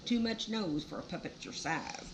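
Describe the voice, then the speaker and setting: Lady reading as a little scolding cricket fella, urgent, loyal, storybook, animated pitch. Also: moderate pace, very noisy. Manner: urgent, admonishing.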